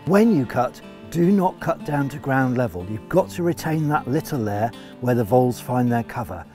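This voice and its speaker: Mellow-voiced man teaching outdoors. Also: medium pitch. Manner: clear, enthusiastic explaining. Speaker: conservation educator. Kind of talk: instructional nature film. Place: outdoors in grass fields.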